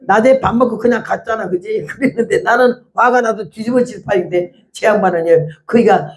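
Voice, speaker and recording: Elderly woman missionary in her 80s, blunt and animated, testimony sermon. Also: medium pitch, fairly quick. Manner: blunt, animated storytelling with acted-out quotes. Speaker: missionary preacher.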